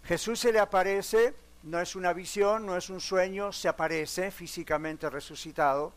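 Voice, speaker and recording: A man's voice: high-pitched, fairly even intonation, normal speed. A man preaching a sermon in a church, speaking earnestly and putting direct questions to the congregation, with a few English words mixed in. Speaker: pastor. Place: church sanctuary. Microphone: broadcast on radio and online.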